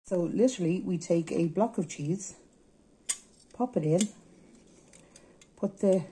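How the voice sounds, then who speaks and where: A woman in her forties with an Irish accent chats her way through a cook-along in her own kitchen, talking homely and explaining each step as she goes. Her voice is mellow and warm in tone. The camera sits on the worktop, with a faint hum of kitchen noise behind her. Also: lowish voice, slow, poor audio. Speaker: home cooking vlogger. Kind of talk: casual cook-along talk. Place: home kitchen.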